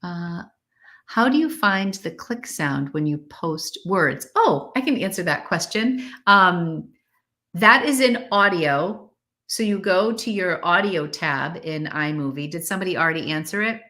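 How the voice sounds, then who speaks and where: A middle-aged woman hosting a casual live stream, chatting in a fairly monotone way with lots of "like" and "um". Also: fairly low pitch, unhurried. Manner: self-described monotone delivery, chatty with many "like" and "um" fillers.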